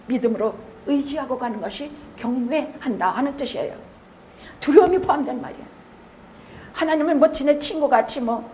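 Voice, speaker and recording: A woman preaching a sermon as pastor, blunt and teasing, swinging from quiet asides to loud shouted emphasis. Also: a little high, slight background noise. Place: church sanctuary.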